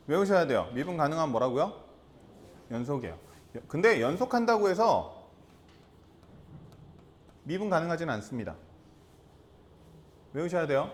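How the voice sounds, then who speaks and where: A man teaching a high school math lesson, repeating key terms and asking the class rhetorical questions. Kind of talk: classroom lecture.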